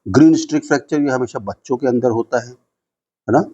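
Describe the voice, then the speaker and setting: A male nursing teacher giving a lecture, explaining in Hindi, reading English definitions slowly, and asking and answering his own questions. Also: mid-range voice, warm tone, dull audio. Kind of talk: classroom lecture.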